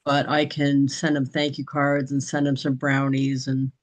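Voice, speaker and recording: A woman's voice: a bass voice, completely flat delivery, a little slow, dull audio. Rambling, chatty woman in casual talk. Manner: rambling, chatty, with frequent restarts and light laughter. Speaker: business training participant. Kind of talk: casual group chat.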